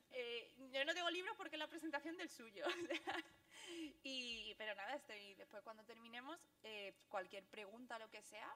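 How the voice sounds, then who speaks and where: Fast-talking Andalusian woman, high voice. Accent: Andalusian Spanish. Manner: fast, animated, laughing storyteller. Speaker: guest speaker, graphic novelist. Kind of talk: public talk at a book presentation.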